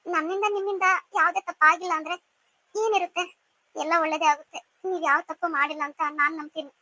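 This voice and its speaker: A woman's voice: extremely high pitch, fairly even intonation, quick pace, sharp tone, dry recording. A woman voicing a devoted, pleading young wife. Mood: earnest. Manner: pleading, earnest. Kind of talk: cartoon serial voice acting.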